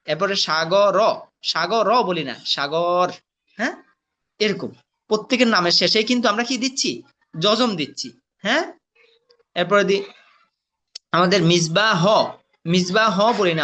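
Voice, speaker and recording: A man with a high-pitched, bright and forceful voice teaches Quran letter reading in a patient classroom lesson. He spells out the sounds slowly and quizzes his students with questions.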